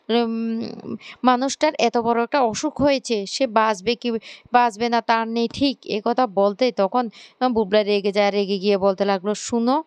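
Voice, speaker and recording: A woman retelling a TV serial episode, narrating and acting out the dialogue with quick restarts and fillers. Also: on the high side, clean tone, dry recording. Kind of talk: spoken plot recap with acted dialogue.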